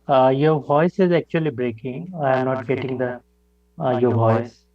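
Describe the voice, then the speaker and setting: A man's voice: medium pitch, steady tone, normal speed. A man from India, speaking as a remote conference presenter over a video call, hesitant with many fillers, his volume rising and dropping as the connection breaks up. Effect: patchy call audio with uneven, dropping volume. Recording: muffled video-call audio.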